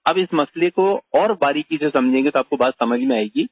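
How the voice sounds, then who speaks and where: A man's voice: a little high, animated, no echo, dull audio. Argumentative man asking rhetorical questions. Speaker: religious teacher. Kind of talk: didactic debate chat.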